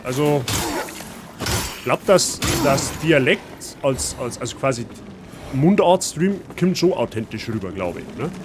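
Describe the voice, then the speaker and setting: A Bavarian-accented male streamer chats casually with viewers while playing a game, his mid-range voice expressive and measured in pace. The let's-play stream audio is noisy.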